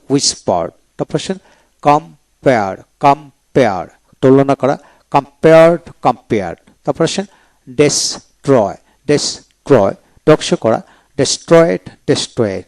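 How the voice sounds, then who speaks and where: A man teaching English verbs with a Bangladeshi accent, repeating each word slowly for his students. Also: medium pitch, darkish tone, no room sound. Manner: slow, repetitive word-by-word drilling. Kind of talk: pronunciation drill lesson.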